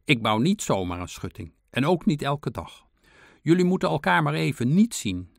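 A man's voice: fairly high pitch, very animated, normal speed, gravelly, dry recording, clean studio sound, pitched above the performer's own voice, heavily acted. A man voicing a busy, stubborn male beaver who answers bluntly and dismissively in a storybook reading. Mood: gruff, busy.

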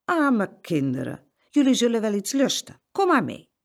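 A woman voicing a kind, fussing farm wife who draws out her exclamations slowly in a storybook. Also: on the high side, huge pitch swings, gravelly, pitched above the performer's own voice, full character voice. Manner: slow drawn-out exclamations.

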